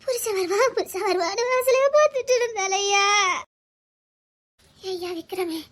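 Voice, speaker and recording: A woman's voice: extremely high pitch, a little slow. An actress plays a grieving older grandmother with a Tirunelveli accent, who laments in long, pleading wails. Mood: wailing lament. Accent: Tirunelveli Tamil. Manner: wailing lament, repeated pleading calls. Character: grieving elderly grandmother, devoted and emotional. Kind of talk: village family drama acting.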